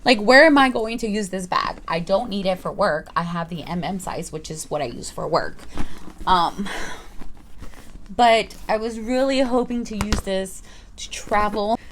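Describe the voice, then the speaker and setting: A woman's voice: medium pitch, a little slow, fairly bright tone, a little hiss or hum. A woman in her thirties reviewing her purchases in a casual, chatty vlog, rambling with playful asides. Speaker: vlogger.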